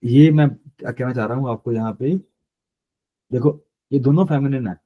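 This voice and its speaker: A young man teaching a French lesson, mixing Hindi and English, explaining slowly and repeating rules to check his students follow. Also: mid-range voice, narrow, tinny audio. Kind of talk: online language lesson in Hindi-English mix.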